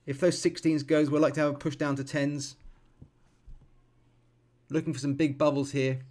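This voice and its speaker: A man in his forties talks through a live trading session at a desk mic, calm and explanatory. His voice sits a little high for a man, and he thinks aloud with many ums and quick self-corrections. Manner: calm, explanatory, teaching as he watches. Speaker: futures trader streaming live.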